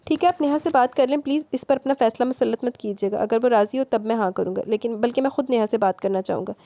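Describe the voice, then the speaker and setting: A woman voicing a gravely ill young man who pleads in an earnest, measured way in an audio novel. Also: fairly high pitch, dark tone, a little hiss or hum. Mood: pleading.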